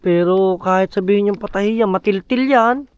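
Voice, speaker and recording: A man's voice: high-pitched, brisk, smooth, dry recording, lo-fi sound. A man vlogging outdoors at a camp build site, talking directly to his viewers in a casual, upbeat way. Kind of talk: casual vlog narration.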